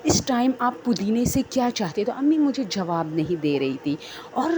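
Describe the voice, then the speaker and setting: A woman's voice: a little high, very animated, noisy background. A woman telling her own horror story in a rambling, unscripted, conversational way.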